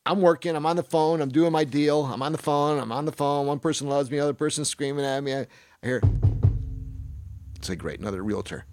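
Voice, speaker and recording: A man's voice: on the high side, fairly even intonation, fairly quick, darkish tone, no room sound, soft background music. A man in his sixties hosting a casual podcast, rambling through stories, swearing freely and acting out what people said. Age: 60s. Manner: rambling storyteller, swears freely, acts out quotes. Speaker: podcast host.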